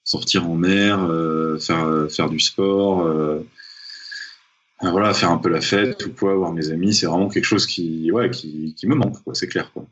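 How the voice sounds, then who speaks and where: Deep, husky young French man. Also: fairly even intonation, measured pace, fairly bright tone, muffled recording. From Paris, France. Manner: hesitant, many fillers and restarts. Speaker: guest, freediving champion. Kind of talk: casual interview talk.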